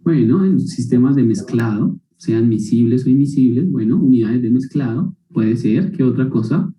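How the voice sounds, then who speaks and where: Lecturing man, dark tone, roomy distance. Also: mid-range voice, moderate pace. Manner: questions students, tags statements with "¿no?". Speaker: university lecturer. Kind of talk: university lecture.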